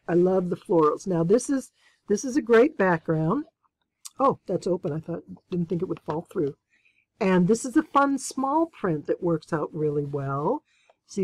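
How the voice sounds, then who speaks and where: A woman's voice: on the low side, darkish tone, no room sound. A woman hosting her quilting channel, chatting enthusiastically and exclaiming with delight as she unboxes and shows fabrics. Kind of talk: casual unboxing chat.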